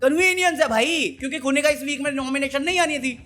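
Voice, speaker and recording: A man's voice: extremely high pitch, quick pace, bright, forceful tone, faint music behind. A man giving blunt, heated, sarcastic commentary on a reality show. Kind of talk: ranting commentary.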